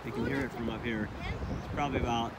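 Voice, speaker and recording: A man with a steady, medium-pitched voice talks fast as he narrates a family camping vlog outdoors on a forested mountain, camera in hand. He speaks casually and often exclaims in amazement, through heavy background noise.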